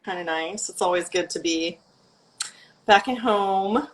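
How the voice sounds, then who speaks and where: A woman's voice: fairly low pitch, unhurried. A woman co-hosting a casual livestream chat from her home office over a video call, giving brief, upbeat replies. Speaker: co-host. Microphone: video call on a live stream.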